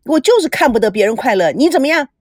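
A woman's voice: high-pitched, sing-song, moderate pace, dry recording, studio quality. Woman voicing a scornful, hot-tempered young actress. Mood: angry.

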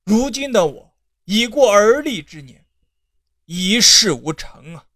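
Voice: mid-range voice, sing-song, slow pace, a bit bright, no echo, clean studio sound, heavily acted. A narrator doing a proud broke scholar in his thirties. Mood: formal. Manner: formal, feigning righteous restraint.

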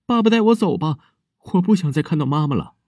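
A high, childlike voice of an eerie little girl who sees ghosts, put on by a man, sing-song and sweetly unsettling, as if telling a grown-up a secret. It is close and dry, like a storybook horror reading. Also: animated, quick pace, warm tone, no echo. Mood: frightened pleading.

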